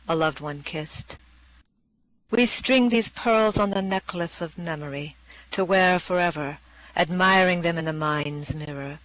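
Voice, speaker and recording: Reading verse and offering short introductions, a poetry performer speaks in a measured, expressive way. The voice is mid-range, and the recording quality is low.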